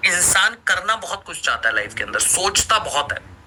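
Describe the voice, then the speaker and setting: A man hosts with a strikingly bright, fairly high voice. He talks with energy and pushes his point by repeating words. A faint hiss runs under the sound. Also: moderate pace, rough recording. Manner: energetic, persuasive, repeats phrases for emphasis. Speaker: host. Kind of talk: motivational interview on a live call.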